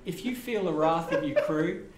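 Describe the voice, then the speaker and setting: A man's voice: on the high side, lively intonation, moderate pace. A man from Reading, England, putting on a mock Australian accent and calling everyone mate while answering live-stream questions as a game developer. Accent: mock Australian, put on. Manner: hamming up a slangy Aussie act, calling everyone mate. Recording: roomy, faint background noise.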